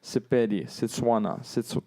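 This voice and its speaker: A man from South Africa with a South African accent, chatting as a podcast guest in a brash, profane, excitable way. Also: mid-range voice, normal speed, vocal fry. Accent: South African, with American slang. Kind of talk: casual chat.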